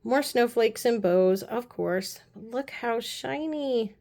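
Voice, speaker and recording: A chatty woman talks through a nail art haul in a slightly high voice. She gushes over each item and often drops into soft, low asides. It sounds like a relaxed home video. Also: slow, vocal fry. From United States. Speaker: beauty vlogger. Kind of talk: casual nail haul chat. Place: apartment room.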